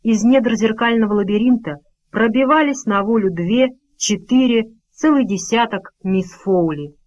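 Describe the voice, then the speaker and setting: A woman reading an audiobook as its narrator, in an expressive, dramatic style. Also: on the high side, moderate pace, low-quality recording. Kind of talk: scripted narration.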